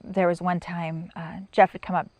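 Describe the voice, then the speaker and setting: Middle-aged woman, personal testimony, halting and emotional, dry close sound. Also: lowish voice, flat delivery, no echo, dull audio. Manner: halting, emotional, with pauses and restarts. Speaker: interviewee telling her story.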